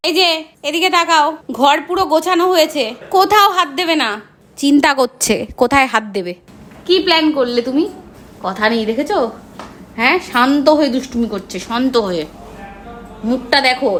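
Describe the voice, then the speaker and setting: A woman's voice: sits high, a little fast, a bit bright, a little hiss or hum. Chatty mother vlogging at home. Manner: chatty, playful scolding of children. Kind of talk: casual family vlog chat to viewers. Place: family home indoors.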